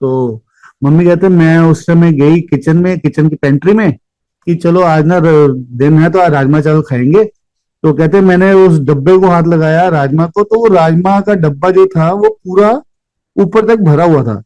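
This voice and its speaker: A man's voice: on the high side, normal speed, mellow, no echo, muffled recording. A middle-aged man earnestly sharing a devotional personal story, mixing English words into his speech and often addressing his listeners respectfully. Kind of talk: devotional testimony, casual storytelling.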